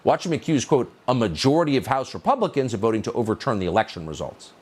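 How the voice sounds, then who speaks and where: A man's voice: medium pitch, sing-song, quick pace, a little mellow, slightly rough. Sarcastic middle-aged male news host. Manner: sarcastic, mocking, incredulous. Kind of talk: opinion monologue.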